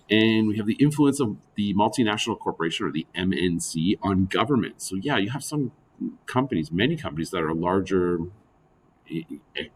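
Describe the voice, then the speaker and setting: A male teacher giving a recorded lecture in a conversational way with asides, his voice going hoarse. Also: low-pitched, darkish tone, slight background noise. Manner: conversational, with frequent fillers and asides. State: losing his voice.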